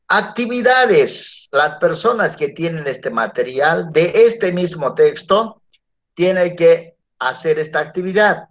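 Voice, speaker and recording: A man's voice: fairly high pitch, fairly bright tone. A male teacher giving a classroom lecture, often checking in with his students through tag questions. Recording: dull lo-fi classroom recording.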